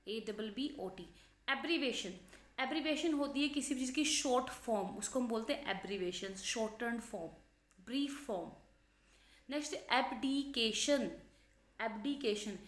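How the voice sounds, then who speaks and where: A woman with a slightly high voice teaches English vocabulary for exams, recorded in an echoey room. She talks in a chatty, explanatory way, spelling words out letter by letter and offering memory tricks. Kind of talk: exam-prep vocabulary lesson.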